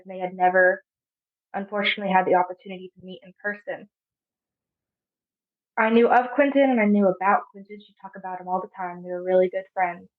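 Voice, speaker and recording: A young woman in her twenties from Arizona, telling a personal story softly, with halting pauses. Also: mid-range voice. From Arizona, USA. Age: 20s. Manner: soft, halting, with frequent pauses. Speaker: podcast guest. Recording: phone-like narrow sound.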